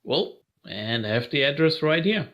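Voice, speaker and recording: A man's voice: on the high side, expressive, moderate pace. Easygoing man on dull lo-fi audio. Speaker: player. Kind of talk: casual tabletop role-play.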